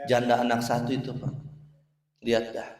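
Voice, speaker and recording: A man preaching, telling a moral story with lively jokes and often addressing the listeners directly. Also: medium pitch, moderate pace, crowd noise. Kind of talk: Islamic sermon storytelling. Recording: roomy, distant mic.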